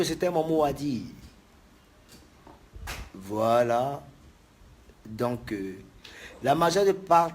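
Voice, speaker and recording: A man speaks in an emphatic, scolding way, repeating his points again and again. His voice sits at a middling pitch. Faint noise hums behind him. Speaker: musician addressing fans. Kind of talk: direct-to-camera video message.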